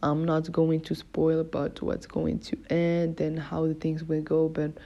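On a dull lo-fi recording, a low-pitched, mellow female voice speaks a little slowly and in a monotone. She's a young adult podcast host from Morocco, going solo and talking casually with plenty of fillers and corrections of herself.

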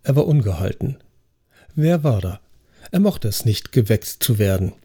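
A man narrating a story in a measured, even scripted reading. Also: lowish voice, husky.

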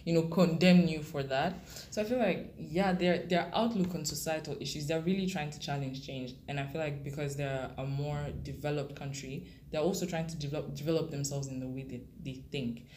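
A woman's voice: low-pitched, fairly even intonation, a little fast, hardly any pauses, darkish tone, a little hiss or hum. Young woman, grew up in Kenya, interview guest, hesitant, lots of restarts. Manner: thoughtful, hesitant, frequent fillers and restarts. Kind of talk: casual conversation.

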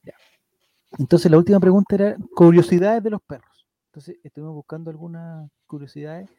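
Chilean male host, joking and teasing, raspy voice, high register. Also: flat delivery, a little fast, no room sound, highs cut off. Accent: Chilean Spanish. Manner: jokey, asks playful questions. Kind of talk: casual comedic chat.

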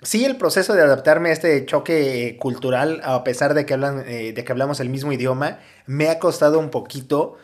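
A Mexican man with a Mexican Spanish accent, chatting casually on a podcast and pausing often with fillers. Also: medium pitch. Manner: hesitant, many fillers. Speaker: podcast host.

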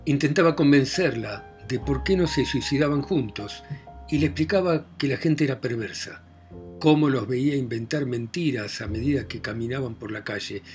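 A man reads a novel aloud in an ordinary mid-range voice. His pace is measured, and he lets his voice fall softly at the ends of phrases. Faint instrumental music plays quietly behind him. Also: mid-range voice. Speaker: narrator. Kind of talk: scripted narration of a novel.

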